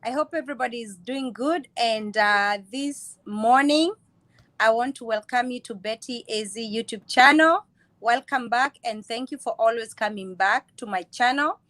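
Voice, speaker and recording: A woman hosts a casual live stream. Her voice sits high, and she keeps dropping in short affirmations while her guest talks. The sound is close and dry, with almost no room. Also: normal speed, no echo. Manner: warm greetings, frequent brief affirmations. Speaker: host.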